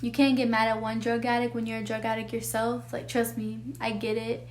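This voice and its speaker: A nineteen-year-old woman talks straight to the camera, pouring out a painful personal story in a rambling, emotional way. Her voice sits fairly high yet stays flat and level, and she leans on "like" and "you know" between thoughts. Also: fairly quick. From Texas. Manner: emotional, rambling, heavy use of "like". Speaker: vlogger.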